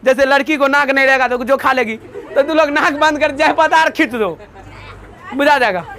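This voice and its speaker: A man's voice: very high voice, moderate pace, pushed and bright, a faint crowd. A man teaching a class, drilling lists by call-and-response and joking with students. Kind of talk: classroom lecture with memory tricks.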